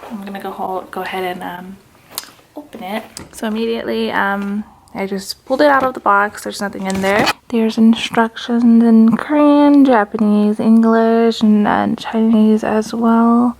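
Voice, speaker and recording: A woman vlogger with a fairly high voice talks casually to her viewers as she unboxes something. A slight lisp from her retainer colors her words, and there is clear noise with small clicks behind her. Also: measured pace, low-quality recording. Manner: informal, excited, addressing viewers as guys. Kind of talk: casual unboxing vlog to camera.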